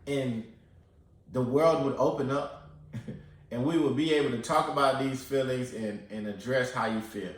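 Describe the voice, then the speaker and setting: Man, podcast co-host, lively quoting, mid pitch, very echoey room. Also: unhurried. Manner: animated, acts out quoted lines; eating while talking. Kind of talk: casual chat.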